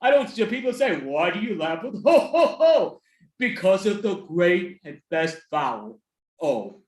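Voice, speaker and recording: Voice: medium pitch, very animated, a little slow. A performer putting on a jolly Santa Claus voice who keeps breaking into ho ho ho laughs, recorded in an echoey room. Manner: laughs ho ho ho between phrases.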